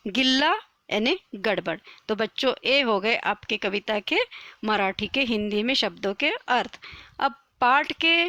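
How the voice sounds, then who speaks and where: A woman's voice: sits high, pushed and bright, smooth, dry recording. A woman teacher, patiently explaining a poem to children.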